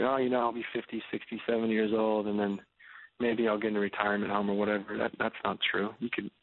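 Over a tinny phone line, a man in his thirties with a lowish voice and no echo speaks earnestly as a guest on a phone-in radio interview. He preaches, stammering and restarting often.

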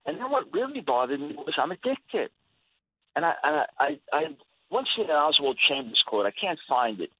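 A man's voice: on the high side, sing-song, normal speed, husky, no echo. A man in his sixties talking as a guest on a radio interview, earnest and emphatic, often repeating words as he starts a thought. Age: 60s. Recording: tinny phone-line radio audio, dry.

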